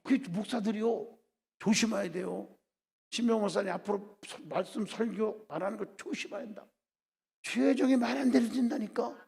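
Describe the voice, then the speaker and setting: A man's voice: sits high, normal speed, creaky, darkish tone, husky. A man preaching a revival sermon as pastor, constantly asking the congregation to answer back. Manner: preaching with constant call-and-response questions to the congregation. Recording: echoey church hall.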